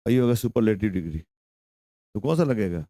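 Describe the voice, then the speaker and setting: A man's voice: lowish voice, sing-song, normal speed, dark tone, no echo, clean studio sound. A young man with a Bihari Hindi accent teaching an English grammar lesson to a class, drawing out his words and repeating questions and answers.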